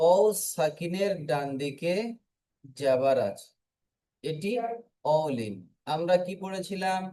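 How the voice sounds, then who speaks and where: A male teacher leading an online reading class, spelling out letters slowly and patiently. His voice is mellow and unhurried, and he asks the students to repeat after him. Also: high-pitched, low-quality recording. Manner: slow, patient, drills letters aloud and has students repeat.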